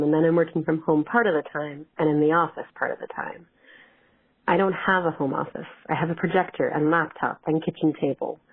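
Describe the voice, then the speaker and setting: A woman leaving a voicemail message, talking in a steady, practical way and listing tasks methodically. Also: low-pitched. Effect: voicemail played over the phone line. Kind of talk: prepared advice message. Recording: tinny phone-line voicemail.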